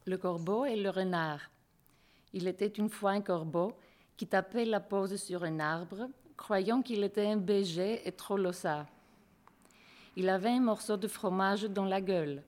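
A woman's voice: medium pitch, measured pace, darkish tone. A woman, a student reader, reading a fable aloud carefully in street slang.

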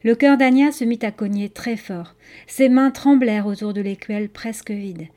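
A woman reads a children's novel aloud for young pupils, and her narration is steady and expressive. Her voice sits fairly high with a mellow, soft tone. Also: moderate pace. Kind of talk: read-aloud storytelling.

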